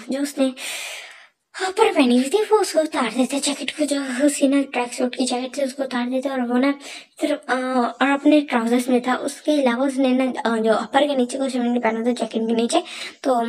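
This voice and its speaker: A woman with a high voice retells a story in a casual, rambling way. She leans on fillers and often restarts her sentences as she goes. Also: a little mellow.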